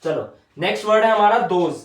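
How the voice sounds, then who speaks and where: A man teaching shorthand at a whiteboard, stretching each word out slowly as he writes it, with said in a way inside his talk. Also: high-pitched, expressive. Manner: repeats each word slowly while writing. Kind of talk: whiteboard lesson. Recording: echoey room, mic at a distance.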